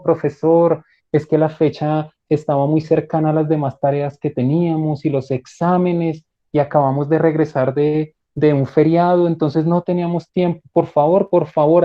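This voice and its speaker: Man preaching, acting out the story. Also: muffled recording. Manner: acts out quoted dialogue with raised pitch. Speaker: pastor teaching a Bible class. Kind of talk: sermon-style Bible lesson with storytelling.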